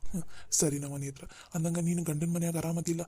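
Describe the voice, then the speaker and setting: A man voicing a humbled, jobless older brother in a cartoon drama, speaking gently. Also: a little high, little pitch movement, a little fast, slightly rough. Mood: gentle. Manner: gentle, pleading, dialect-heavy.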